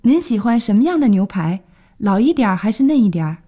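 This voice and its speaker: A woman presenting a scripted radio language lesson, clearly explaining and translating each phrase. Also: medium pitch, very animated, fast, dark tone. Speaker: radio English teacher.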